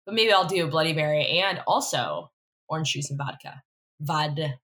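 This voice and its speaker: A woman co-hosting a podcast in casual conversation, chatty, self-deprecating and quick to swear. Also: low-pitched, lively intonation, fairly bright tone. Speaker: podcast co-host. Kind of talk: casual chat recapping a TV drama.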